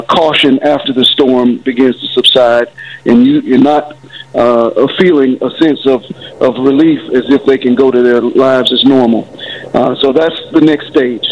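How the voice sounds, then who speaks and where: A man from Florida, a city mayor, speaking hesitantly and in measured official phrases in a live news interview by telephone. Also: medium pitch. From Florida, United States. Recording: dull, band-limited phone line.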